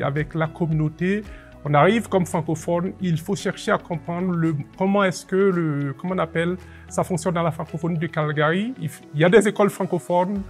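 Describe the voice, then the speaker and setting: A man from Ivory Coast, a policy analyst and father, telling his story in an interview with a reflective, hesitant manner and many fillers. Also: on the high side. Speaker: interviewee, public servant. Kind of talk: personal testimony interview.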